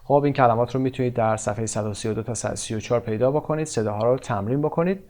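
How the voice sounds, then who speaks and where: A man with a Persian accent teaching English from a textbook. He reads the English examples slowly, repeats them, and then explains them briskly. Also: mid-range voice, a little mellow. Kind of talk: textbook lesson walkthrough.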